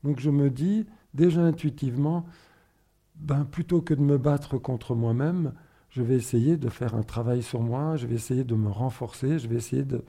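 A middle-aged man from northern Spain, a guest in an interview, speaking reflectively and haltingly with fillers and restarts. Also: medium pitch, dark tone. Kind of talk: personal testimony interview.

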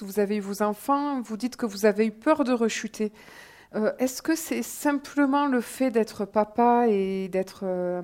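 A woman's voice: fairly high pitch, a little mellow. A woman interviewing a guest, asking probing questions with a few hesitant fillers.

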